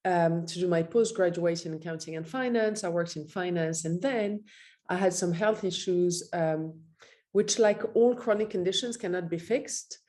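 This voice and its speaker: A woman's voice: lowish voice, normal speed, darkish tone. A middle-aged woman from Morocco, a nutritionist and interview guest, telling her story in a direct, matter-of-fact way. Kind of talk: interview answers.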